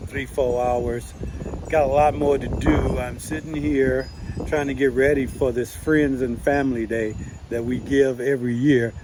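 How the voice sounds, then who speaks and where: A man talking casually to camera from his yard, relaxed and folksy, with lots of "you know" fillers. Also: medium pitch, background noise. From United States. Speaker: vlogger.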